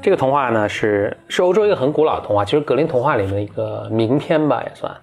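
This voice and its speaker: A man, hosting a podcast and telling a fairy tale off the cuff. His voice sits at an ordinary middle pitch. He talks in a chatty way and often stops to restart a line. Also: expressive, fast talker, creaky, a little mellow, breathy edge. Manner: chatty, with many fillers and restarts. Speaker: podcast host. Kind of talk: casual storytelling.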